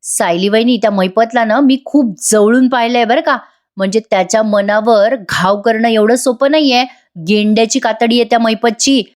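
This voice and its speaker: A woman's voice: on the high side, fairly even intonation, normal speed, natural voice. A woman voicing a frank young man warning about a tough enemy. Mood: wary.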